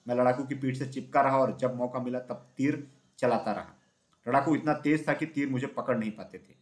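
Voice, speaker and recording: Man, storybook narrator, steady even reading, mid pitch. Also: brisk.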